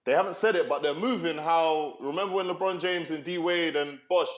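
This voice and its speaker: A man's voice: a little high, brisk, reverberant. A man on a sports talk show making his case loosely, trailing off and restarting as he tells it. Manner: loose, many fillers and restarts, storytelling. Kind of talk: casual basketball chat.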